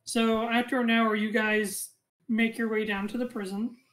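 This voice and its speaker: Higher-voiced woman narrating a tabletop game. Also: flat delivery, normal speed, poor audio. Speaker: game master.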